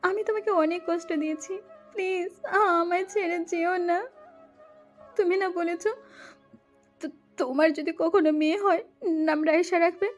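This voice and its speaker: Woman doing a tearful young wife, super high voice, pleading, soft music behind. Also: fairly even intonation, moderate pace. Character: young wife, desperate and heartbroken. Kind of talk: audio story drama.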